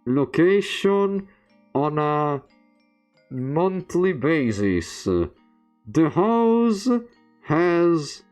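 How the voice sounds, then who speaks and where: A man's voice: fairly high pitch, very animated, darkish tone, clean tone, soft background music, pitched above the performer's own voice, exaggerated voice. A man voicing a formal schoolteacher in a video game, stumbling word by word as he reads reversed dialogue aloud. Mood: halting lecturing. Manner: halting, stumbling word by word while deciphering reversed text.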